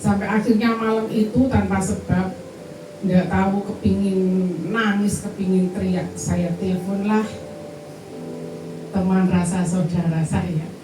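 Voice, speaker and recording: A middle-aged church member shares her personal testimony in a church hall, speaking straight to the congregation as she tells her story. Her medium-pitched voice is fairly even and a little slow with long pauses, heard from far off in the echoey hall over background noise.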